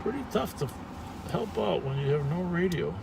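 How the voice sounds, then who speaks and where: Casting: American male cop, higher-pitched voice, casual in-car chat as dashcam audio over loud engine and road noise. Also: expressive, normal speed, gravelly. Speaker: law enforcement officer on patrol. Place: inside a moving patrol car. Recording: loud vehicle noise, mic at a distance.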